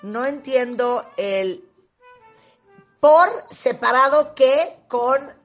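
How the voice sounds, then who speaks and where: A woman's voice: high voice, drawn-out words, fairly bright tone, soft background music. A woman, giving hesitant answers in a spelling quiz. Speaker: quiz participant.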